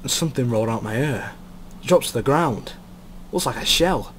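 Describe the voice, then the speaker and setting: A man's voice: medium pitch, expressive, normal speed, a bit bright, slight background noise, natural voice. A man voicing a plain-spoken young country lad with a Northern English accent while reading a visual novel aloud. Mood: puzzled. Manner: rough Ned-Stark-like northern delivery.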